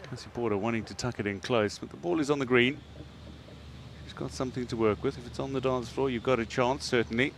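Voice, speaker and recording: A man's voice: medium pitch, fairly even intonation, fast talker, creaky. Man commentating on golf, outdoor noise behind.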